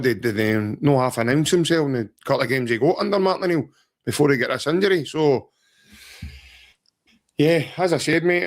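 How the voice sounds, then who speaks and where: A Scottish man co-hosting a football podcast in casual, joking talk, often saying mate and aye. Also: medium pitch. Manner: joking, rambling, says mate and aye a lot. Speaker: podcast co-host.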